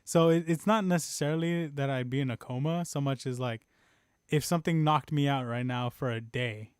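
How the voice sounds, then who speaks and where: A man hosting a podcast in casual chat, telling a story with lots of laughter and animated voices. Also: medium pitch, normal speed, smooth, no room sound, studio quality. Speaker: podcast host. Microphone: desk microphone on stand.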